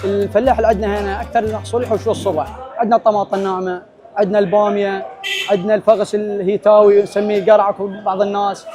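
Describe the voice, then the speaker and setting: A man with a western Iraqi Arabic accent speaks high and extremely fast. His talk is casual interview speech, with music clearly audible behind it. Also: little pitch movement.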